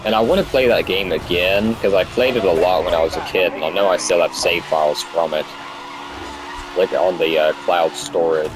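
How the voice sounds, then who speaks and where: Deep-voiced young stoner man rambling over gameplay. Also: normal speed, low-quality recording. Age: young adult. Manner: stoned, rambling and easily sidetracked; swears freely. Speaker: gamer recording commentary. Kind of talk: casual gameplay commentary.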